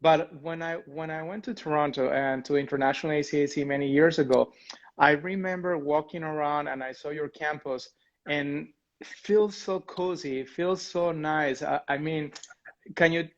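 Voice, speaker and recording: A man's voice: on the high side, lo-fi sound. A man hosting a livestream interview, enthusiastic and upbeat as he asks his guest questions. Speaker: host.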